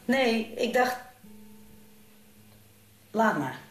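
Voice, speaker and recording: A woman's voice: fairly high pitch, very animated, drawn-out words, echoey room, faint music behind, heavily acted, low-quality recording. An actress in a radio play as a young woman on the phone with her mother, fussy, caring and exasperated. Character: young woman alone at home, anxious, caring. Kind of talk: radio drama acting.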